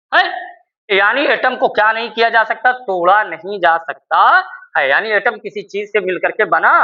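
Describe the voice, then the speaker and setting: A man's voice: sits high, bright, forceful tone, lo-fi sound. A male chemistry teacher giving a classroom lecture, dictating notes word by word and answering his own questions with repeated key words.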